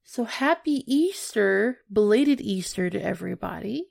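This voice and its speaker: A woman co-hosting a casual podcast chat, telling stories in an animated way. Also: medium pitch, unhurried, creaky. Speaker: podcast co-host.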